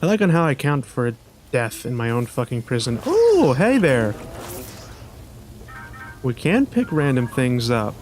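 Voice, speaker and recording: A man's voice: mid-range voice, sing-song, a little fast, soft background music. A man giving casual, sarcastic gameplay commentary, swearing often and breaking into frustrated outbursts. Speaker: gaming video host.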